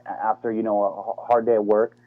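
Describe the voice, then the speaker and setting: Low-voiced man on a tinny phone line. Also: little pitch movement, a little fast, no room sound. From United States. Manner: casual, slangy, repeats "man" and "dude". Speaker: interview guest, former Navy SEAL. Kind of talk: casual interview over the phone.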